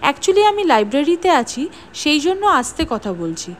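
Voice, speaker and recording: A woman's voice: high-pitched, big pitch swings, moderate pace. A woman voicing a young female student who reassures her mother and tells her not to worry. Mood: reassuring.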